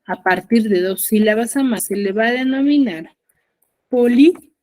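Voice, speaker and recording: A woman's voice: a little high, moderate pace, a little mellow. A woman teacher with a Peruvian Spanish accent, leading an online class. She is patient, repeats key words and often checks in with her students.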